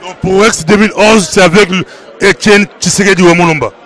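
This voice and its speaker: Guy interviewing someone outside, higher voice, pushy questions, faint crowd around. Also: steady tone, brisk, fairly bright tone. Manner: probing, challenging questions.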